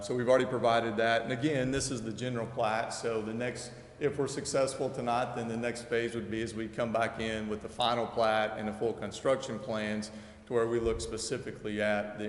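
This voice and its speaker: At a city council meeting, a man speaks off the cuff as the developer's engineer presenting a subdivision plat. His lowish voice is level in tone and brisk, though his explanations are folksy and roundabout. The indoor council chamber sounds echoey and reverberant, with background noise.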